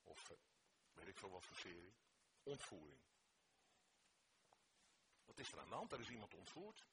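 Male preacher, expressive sermon voice, lively pitch, noisy church recording. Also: moderate pace. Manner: expressive, swings from hushed to emphatic. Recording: noticeable background noise.

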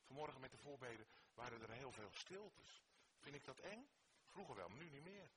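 Expressive male preacher, noisy recording. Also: mid-range voice, normal speed. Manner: expressive, swings from hushed to emphatic. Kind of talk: sermon. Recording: noticeable background noise.

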